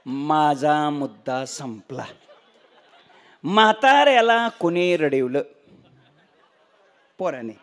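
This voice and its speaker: High-pitched man preaching a comic kirtan. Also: slow pace, pauses often. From Maharashtra. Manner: humorous, teasing rhetorical questions to the audience; animated, acts out the characters in his story. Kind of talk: kirtan sermon with comic storytelling.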